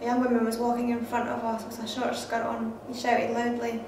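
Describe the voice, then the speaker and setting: A woman, a care worker, recounting a memory in a flat, even way. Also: fairly high pitch, fairly quick. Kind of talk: first-person story reading. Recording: very echoey, distant, noisy recording.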